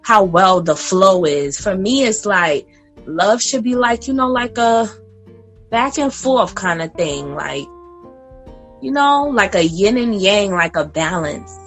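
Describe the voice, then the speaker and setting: Here a woman in her late twenties guests on a podcast, keeping the conversation relaxed, animated and full of laughter, occasionally speaking straight to listeners. Her pitch is mid-range, her pace slow, and gentle music plays underneath.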